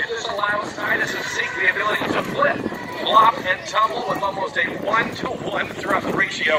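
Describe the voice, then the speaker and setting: A man announcing an airshow in scripted commentary, with a dramatic showman delivery and drawn-out phrase endings. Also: high-pitched, heavy background noise. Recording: loud music, distant outdoor PA sound.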